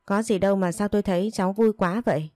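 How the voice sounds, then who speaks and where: A woman doing a calm, reserved man. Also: mid-range voice, fast talker, no echo, clean studio sound, close to an everyday voice. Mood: teasing.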